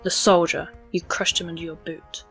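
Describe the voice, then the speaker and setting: A woman's voice: lowish voice, level tone, normal speed, husky, faint music behind. A woman playing a stern, noble warrior princess in a fan audio drama, formal, solemn and reproachful. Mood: wounded reproach.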